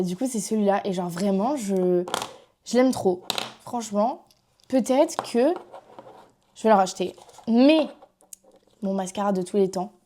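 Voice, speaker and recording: A young woman with a French accent talks through her makeup haul in a loose, rambling way, full of fillers and restarts. Her voice is mellow and warm rather than bright, at an ordinary pitch for a woman. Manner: chatty, rambling with many fillers. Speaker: vlogger. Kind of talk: casual makeup haul chat.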